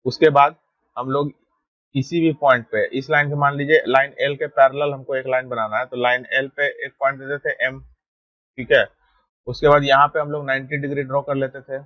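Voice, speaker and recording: Speaking briskly in a mid-range voice, a man draws as he walks students through a math lesson, steady throughout and often asking "ठीक है" to make sure they understand. The close-miked recording is dry and lo-fi.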